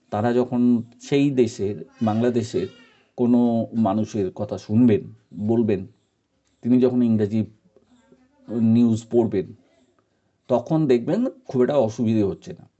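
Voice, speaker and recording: A man from India talks through a lesson. His voice is very dark and mellow, and his patient, repetitive advice comes with many pauses and fillers. The recording sounds dull and lo-fi. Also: medium pitch. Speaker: teacher giving advice. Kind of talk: informal spoken lesson.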